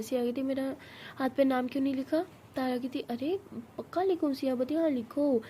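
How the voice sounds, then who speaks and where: A woman's voice: mellow, a little hiss or hum. A woman telling a love story in a casual spoken way, acting out the characters' lines herself. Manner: acts out both girls' lines with rising pitch and force.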